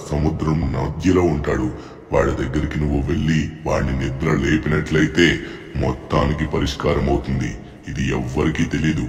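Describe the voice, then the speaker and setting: A man voicing an ancient, wise male sage who solemnly urges the hero on, with a deep, gravelly voice. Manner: slow solemn urging. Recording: echoey long reverb with music behind.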